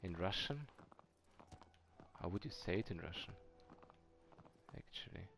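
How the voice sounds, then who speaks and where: A man's voice: deep voice, lively intonation, measured pace, vocal fry, a bit bright, soft background music. A man casually commenting while speedrunning a game, chatting with viewers and shrugging off his own mistakes. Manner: chatty, answers chat, self-deprecating about mistakes. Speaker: speedrunner streamer.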